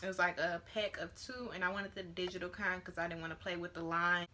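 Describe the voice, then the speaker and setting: A woman's voice: fairly low pitch, fairly even intonation, brisk, bright, forceful tone, slight background noise. A woman in her late teens, vlogging at home to a camera on a tripod and chatting casually with lots of fillers. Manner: chatty and rambling, with many fillers. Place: at home, near her bedroom.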